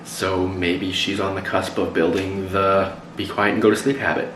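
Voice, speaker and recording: A man chatting casually at home in a relaxed, hesitant way, with ums and playful slang. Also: deep voice, moderate pace. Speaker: vlogger parent. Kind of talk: casual chat. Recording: roomy and distant from the mic, faint noise.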